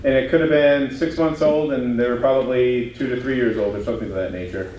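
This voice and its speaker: A man's voice: medium pitch, fast, a little mellow, slight background noise. A man, a club member telling a story at a meeting in a chatty way, with many uhs. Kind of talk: casual talk at a club meeting. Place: meeting room. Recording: echoey room, dull sound.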